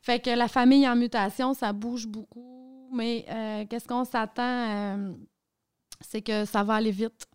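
A woman's voice: on the high side, steady tone, unhurried, clear, resonant tone. A woman with a Quebec French accent, a mother of a toddler, explaining things thoughtfully with many hesitations. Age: adult with a young child. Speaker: panel guest. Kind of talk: casual panel discussion.

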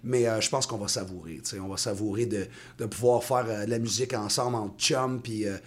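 A man's voice: on the low side, steady tone, a little fast. Casting note: Québécois man, late thirties, touring singer, loose rambling interview talk full of fillers and laughter. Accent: Québécois French. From Quebec. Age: 30s. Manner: rambling, many restarts and fillers, laughs easily. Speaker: touring singer-songwriter guest. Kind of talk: casual radio interview.

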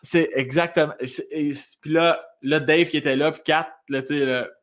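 A comedian in his thirties with a Québécois accent, telling stories in casual chat, animated and swearing freely. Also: a little high, moderate pace. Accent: Québécois French. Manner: animated storyteller, swears freely, laughs often. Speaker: comedian guest.

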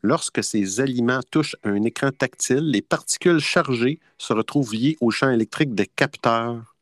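A man's voice: medium pitch, normal speed, no room sound, studio quality. A man with a Québécois French accent hosting a casual online quiz show, playful and chatty. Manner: playful, chatty, laughs often. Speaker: quiz host.

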